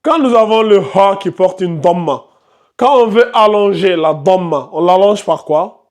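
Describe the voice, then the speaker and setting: A man's voice: high-pitched, unhurried, a little mellow. A man teaching Quran recitation rules to a live class, quizzing his students and repeating the key terms. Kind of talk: live classroom tajwid lesson.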